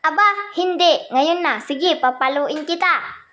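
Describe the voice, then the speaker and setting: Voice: sits high, a little slow, bright, forceful tone. A child acting out a bossy mother who scolds her kids in a homemade comedy skit. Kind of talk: comedy skit with one performer doing every role.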